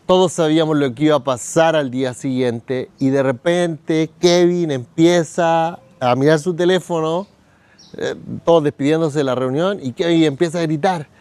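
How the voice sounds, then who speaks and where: A man's voice: on the high side, darkish tone, clean tone, no room sound. A man, preaching a sermon at a church service and telling a personal story in which he acts out other people's words. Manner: storytelling, acts out quoted voices. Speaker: pastor.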